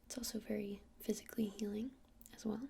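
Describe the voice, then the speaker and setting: A woman whispers softly and breathily as a friendly witch shopkeeper in an ASMR roleplay, talking fast in a flat, mid-range voice. Her explanations are hesitant and informal, her mood gentle and helpful, with slight background noise.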